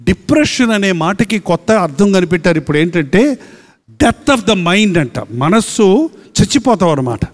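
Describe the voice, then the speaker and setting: Male pastor, high voice, emphatic sermon delivery in a reverberant hall. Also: sing-song, normal speed. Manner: emphatic preaching with rhetorical questions.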